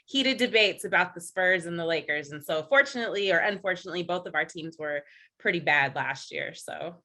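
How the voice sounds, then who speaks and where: Lower-voiced woman chatting casually. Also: a little fast. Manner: relaxed, with fillers. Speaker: game contestant. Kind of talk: casual chat.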